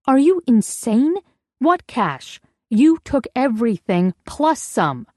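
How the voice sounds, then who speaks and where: A woman voices a frightened but defiant young heroine in an audiobook. Her lines come raised and pleading, at a slow pace, in a dry close sound. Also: on the high side, very animated, a little mellow, no room sound, voice pushed up.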